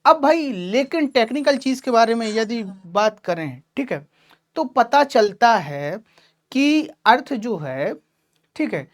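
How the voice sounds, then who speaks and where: A woman's voice: fairly high pitch, sing-song, slow. Hindi lady teacher, patient, keeps asking ok? to her students, calls em child. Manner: explains patiently, keeps checking with "ठीक है"; addresses students affectionately as child. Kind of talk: online class lecture.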